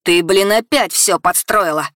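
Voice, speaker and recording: A woman voicing a furious teenage boy, lower. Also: fairly even intonation, moderate pace, a bit bright, dry recording, studio quality. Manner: harsh, accusing. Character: angry teenage boy, bewildered then furious.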